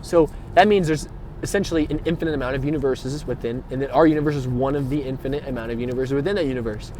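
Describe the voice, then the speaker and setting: In a mid-range, darkish voice at a quick clip, a spiritual vlogger rambles through an emphatic monologue. He leans on slang, swears freely, repeats himself and fires off rhetorical questions, with slight background noise.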